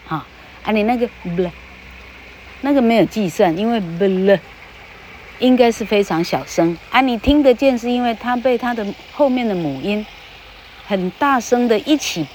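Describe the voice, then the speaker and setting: Speaking into a podcast mic, this woman teaches English pronunciation in a relaxed, chatty way, dropping small fillers at the ends of sentences and stretching example words. She is mid-range and expressive, a little mellow, at normal speed with frequent pauses; the low-quality recording has a little hiss or hum.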